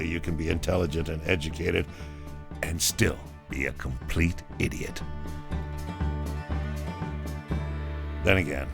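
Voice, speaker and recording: In an audio drama, a man with a low, gravelly voice plays a wry, foul-mouthed former butcher and rebel. He tells his story conversationally and theatrically, in a tone of mock disgust.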